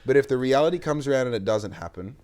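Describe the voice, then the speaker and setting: A man's voice: medium pitch, lively intonation, quick pace, darkish tone. A man in his late twenties with an Australian accent, hosting a casual podcast chat and telling stories in a rambling, sweary way. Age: 20s. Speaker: podcast host.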